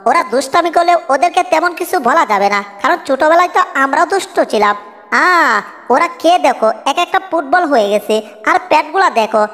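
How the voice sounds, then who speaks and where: A woman voices a fussy little cartoon mouse who scolds and frets. Her voice is pitched very high. It carries a long room echo. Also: fairly bright tone. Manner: fussy, scolding, quick to worry. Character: bossy clever male cartoon mouse. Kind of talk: homemade cartoon dub. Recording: long reverb, echoey room.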